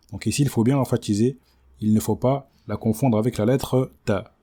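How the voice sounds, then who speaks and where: A man teaching Quran recitation rules, patiently repeating words slowly to show the right pronunciation. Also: mid-range voice, warm tone. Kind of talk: tajwid lesson.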